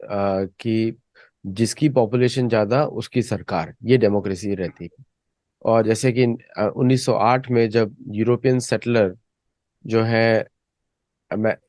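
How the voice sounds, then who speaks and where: A man hosting a discussion, talking in a measured, hesitant way with fillers. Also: mid-range voice, warm tone, dry recording. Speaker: host.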